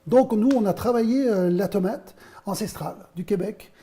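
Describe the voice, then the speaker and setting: A Belgian-born wine producer in his fifties answers interview questions, explaining his work in a storytelling way with frequent hesitations. His voice is high and mellow at a normal speed.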